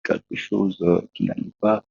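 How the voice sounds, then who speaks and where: A very low, gravelly man's voice with a husky edge, recounting his testimony haltingly and restarting his sentences. He is a preacher from Congo, speaking in a dry, dull, lo-fi recording. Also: flat delivery, darkish tone, no room sound. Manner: slow, halting storytelling with many restarts. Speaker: preacher, guest. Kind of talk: testimony in a talk show interview.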